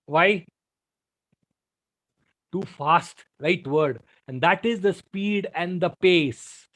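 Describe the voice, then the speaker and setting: A man's voice: sits high, drawn-out words, fairly bright tone. A man with an Indian English accent, giving a life-skills lecture to students and playing with his volume and pace to make his points. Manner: shifts volume and pace to demonstrate. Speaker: trainer. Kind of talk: classroom lecture.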